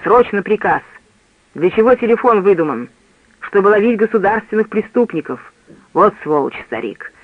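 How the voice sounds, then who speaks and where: A man's voice: high voice, expressive, moderate pace, no room sound. A man voicing a furious, bullying military prosecutor who bellows threats in an audiobook. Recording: tinny phone-like dry sound.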